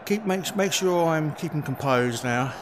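Man, casual game commentary, headset mic, noisy background hiss. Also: fairly high pitch. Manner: relaxed, chatty running self-commentary with quick exclamations. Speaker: gaming video creator. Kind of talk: live commentary while playing a VR cricket game. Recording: steady background noise.

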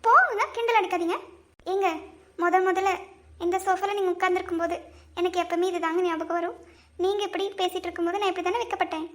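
A woman's voice: very high voice, steady tone, fast. A woman voicing a playful young wife in a cartoon who coaxes and teases her husband. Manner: coaxing, teasing, whiny. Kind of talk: cartoon voice acting. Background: background music.

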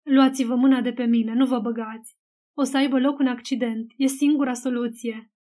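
A woman reading the lines of a troubled young man in an audiobook, speaking quietly and hoarsely. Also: high-pitched, fairly even intonation, natural voice. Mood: angry. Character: troubled young man, dazed then calm.

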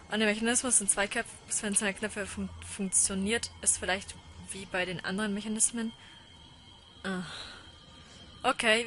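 Bright-voiced woman gaming, panicky chants. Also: mid-range voice. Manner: reads game text aloud, chants panicky repetitions when scared. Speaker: let's play gamer. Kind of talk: casual live game commentary.

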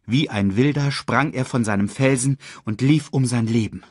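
A man reading a children's story aloud in a slow, dramatic storytelling manner. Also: no echo, studio quality. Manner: slow and dramatic, very lively in pitch. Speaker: audiobook reader. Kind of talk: storybook narration.

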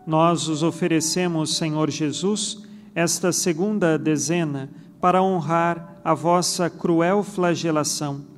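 A man with a Brazilian Portuguese accent leading a recited rosary prayer in a steady chant. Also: on the high side, slow. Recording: long reverb with background music.

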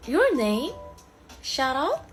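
A young woman hosting a live stream, chatting playfully with viewers in a mix of her own language and halting English. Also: high-pitched, huge pitch swings, soft background music. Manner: mixes Korean and halting English, playful and bubbly. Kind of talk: casual live chat with viewers.

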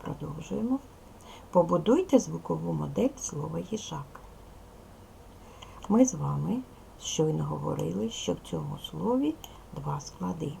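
Slow, gravelly woman teaching children. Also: low voice, lively intonation, warm tone, a little hiss or hum, rough recording. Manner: slow, careful, addressing children directly. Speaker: primary school teacher. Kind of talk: recorded online lesson for young children.

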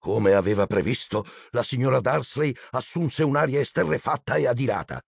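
Husky, gravelly male audiobook narrator. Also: medium pitch, brisk, no echo, studio quality. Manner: expressive storytelling. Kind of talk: scripted narration.

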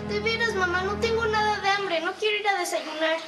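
A woman's voice: very high voice, fairly quick, over music. A frightened tearful young girl. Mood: reluctant. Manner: pleading, tearful.

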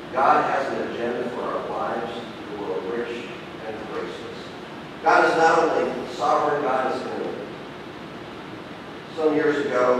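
A middle-aged man preaching a sermon from a pulpit, telling stories and swinging between booming emphasis and hushed, quiet passages. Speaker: pastor. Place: large church sanctuary, at a pulpit. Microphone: pulpit gooseneck mic. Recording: echoey church hall from a distance, with rumble.

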